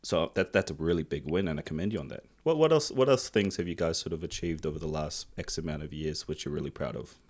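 Deep-voiced laid-back male podcast host. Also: fast talker, hardly any pauses, darkish tone. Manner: laid-back, affirming, casual swearing. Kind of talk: casual podcast interview. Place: small home studio room. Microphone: studio mic on boom arm, headphones.

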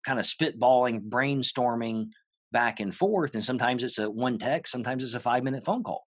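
A man's voice: mid-range voice, brisk, no echo, clean studio sound. A man hosting an interview, easygoing and conversational with joking asides. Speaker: host.

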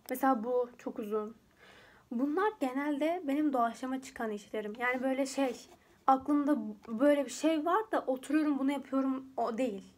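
A woman's voice: sits high, a little mellow. A young woman chatting casually at home as she walks through a photo edit, rambling and laughing often. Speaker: YouTuber teaching photo editing. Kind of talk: casual screen-recorded tutorial chat.

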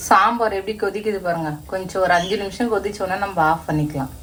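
A woman's voice: medium pitch, fast talker, a bit bright, low-quality recording. A woman hosting a casual home cooking vlog, chatting to her viewers as friends. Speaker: cooking vlogger. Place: home kitchen. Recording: kitchen sizzle and frying noise behind.

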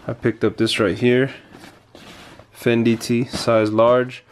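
A young man in a casual thrift vlog, talking in relaxed slang about clothes he found. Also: medium pitch, slow. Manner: laid-back slangy chatter. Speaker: thrift vlogger.

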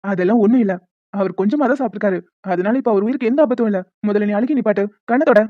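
A woman voicing a reassuring young man in an animated drama. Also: mid-range voice, no echo, close to an everyday voice. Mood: comforting. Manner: brisk, reassuring. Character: young man, caring brother figure. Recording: dull lo-fi dry sound.

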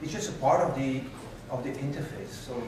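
A man giving a conference keynote and answering questions, animated and moving about the stage, recorded from a far camera in a lecture hall. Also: medium pitch, brisk, noisy background. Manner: animated, gestures while pacing the stage. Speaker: keynote speaker. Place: lecture hall with projector screens. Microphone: far room camera.

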